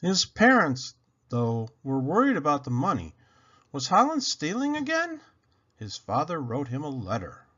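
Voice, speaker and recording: His voice on the high side, pushed and bright, a picture-book channel host reads at a measured pace with huge swings in pitch. He stresses moments dramatically and puts questions to listeners; the recording is dull and lo-fi.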